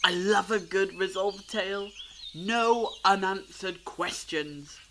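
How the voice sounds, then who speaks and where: A man's voice: sits high, steady tone, slow pace, sharp tone, a little hiss or hum, full character voice. A man playing a clever, theatrical, reassuring alien time traveller in a fan audio drama, explaining things eloquently. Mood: light, chatty.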